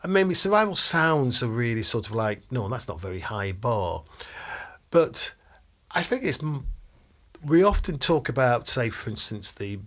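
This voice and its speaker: A man's voice: mid-range voice, big pitch swings, measured pace, a bit bright. A man from England, a guest academic on a podcast, telling stories in a reflective way and building up to emphatic lists. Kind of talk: casual podcast conversation.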